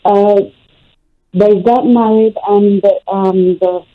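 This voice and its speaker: Woman, call-in caller, halting speech, speakerphone held away, faint distant voice, muffled phone sound. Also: mid-range voice, fairly even intonation. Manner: halting, hesitant. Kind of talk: call-in radio question. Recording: dull lo-fi phone line.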